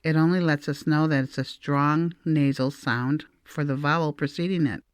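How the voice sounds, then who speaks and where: A woman teaching a recorded language lesson, saying each word slowly and repeating it for learners to copy. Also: low-pitched, fairly even intonation, clean tone, no echo, studio quality.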